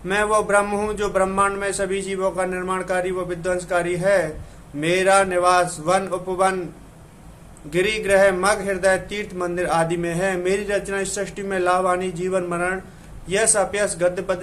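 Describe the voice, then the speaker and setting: A man's voice: high voice, level tone, measured pace, fairly bright tone, slight background noise. A man reciting verse as a stern, all-powerful male deity, proclaiming in a solemn manner. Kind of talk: recited devotional poem.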